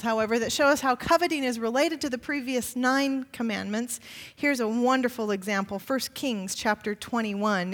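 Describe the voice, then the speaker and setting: A woman pastor preaching a sermon, retelling a scripture story with animated emphasis. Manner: expressive storytelling, rising pitch for emphasis. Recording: long reverb of a large hall.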